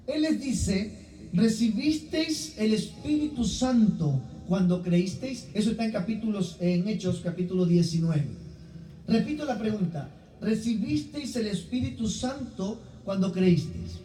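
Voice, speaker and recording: A high-pitched, warm-toned voice comes from a middle-aged man with an Ecuadorian Spanish accent who is preaching as a guest. His sermon to the church congregation includes a personal introduction, recorded from a distance in a church hall with roomy acoustics and faint background noise.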